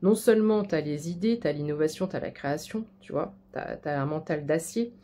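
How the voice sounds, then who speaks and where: Delivering a tarot reading straight to the viewer, this reader has a low, dark voice and talks at normal speed. Her manner is intimate and soothing, with frequent stumbles and repeated words, over a slight hiss or hum.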